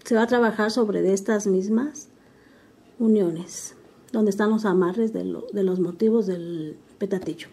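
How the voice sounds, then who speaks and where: A woman's voice: mid-range voice, measured pace, slightly rough. An older woman, patiently explaining an embroidery stitch step by step as she works. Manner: patient, calmly narrates each stitch while working. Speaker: embroidery teacher. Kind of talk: step-by-step craft tutorial.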